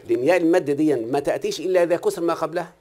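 A man's voice: fairly high pitch, racing, darkish tone. A man with an Egyptian accent teaching recitation and grammar one-on-one, often stopping to ask whether his student understands. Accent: Egyptian Arabic. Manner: questioning, repeatedly checks the student understands.

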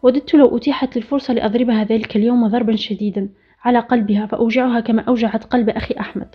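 A woman narrating a story in the first person, reading a steady scripted account. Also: fairly high pitch, rapid-fire, breathy edge. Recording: dull lo-fi recording with faint music.

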